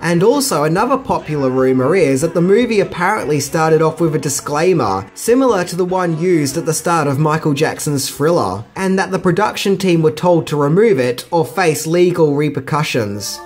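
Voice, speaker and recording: A man's voice: on the high side, lively intonation, moderate pace, few pauses. A middle-aged man hosting a scripted film trivia video with casual, slangy asides. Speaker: video host.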